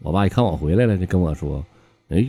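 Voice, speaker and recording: A low-voiced man telling jokes in a broad Northeastern Mandarin accent, his pitch swinging wide as he mimics the people in his stories. He chuckles at his own punchlines and keeps an easy comic storyteller's rhythm. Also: very fast, husky. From Northeast China. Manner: lively, laughing at his own jokes, jumps pitch for quoted characters. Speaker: comedy show host.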